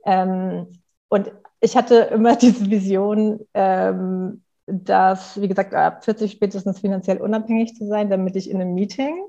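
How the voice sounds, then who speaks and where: In a casual interview, a company co-founder in her thirties speaks candidly as a guest, thinking aloud in a reflective, conversational way. Her mid-range voice is mellow and fairly even, at a measured pace, with the highs cut off.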